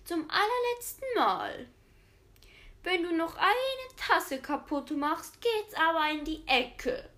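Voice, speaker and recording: A woman voicing an angry old grandmother who scolds in a loud, shrill voice. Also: sing-song, slow, full character voice.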